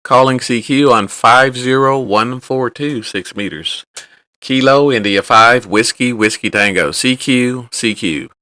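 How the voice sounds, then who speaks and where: Man making bright ham radio calls. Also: mid-range voice, measured pace, no echo. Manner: loud, sing-song repeated ham radio calls. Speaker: amateur radio operator in a contest. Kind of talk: calling CQ on air with phonetic call sign.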